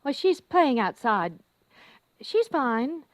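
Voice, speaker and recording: A woman playing an anxious, gentle mother who hesitates as she hides her unease, in an old-time radio drama. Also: high voice, very animated, slow pace, dry recording, heavily acted. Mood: nervous, reassuring. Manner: hesitant, searching, trailing off.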